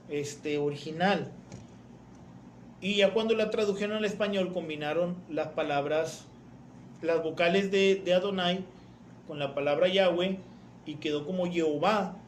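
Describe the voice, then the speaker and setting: High-voiced preacher explaining doctrine in a roomy church. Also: male voice, a little hiss or hum. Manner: explanatory, repeats key points, often addresses listeners as brethren. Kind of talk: teaching sermon.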